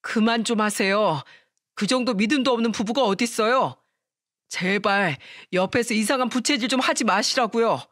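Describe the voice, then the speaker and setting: An exasperated husband and son pleads firmly with his mother, as a woman voices him. The voice is pitched a little lower and pushed louder than the storyteller's own. It is recorded dry and close. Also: lively intonation, moderate pace, no echo, close to an everyday voice. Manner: pleading, firm.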